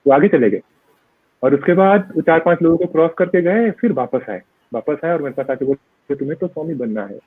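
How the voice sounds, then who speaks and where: Brisk and a little high, with lively intonation and a dry, tinny, phone-like recording, a man interviewed as a monk guest tells his own story. He hesitates a lot, uses many fillers, and mixes in English words.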